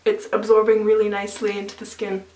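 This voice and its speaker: A woman chats her way through a makeup tutorial, relaxed and explanatory, pausing with small fillers as she works. Her voice sits at a middle pitch. It is recorded in an echoey room from a little distance off the mic. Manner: chatty, explains while applying, with fillers. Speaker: makeup vlogger.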